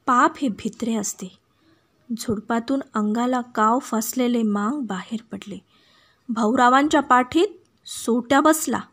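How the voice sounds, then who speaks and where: A woman reading a children's story aloud with dramatic expression, dropping to hushed whispers in tense parts. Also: on the high side. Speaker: storybook reader.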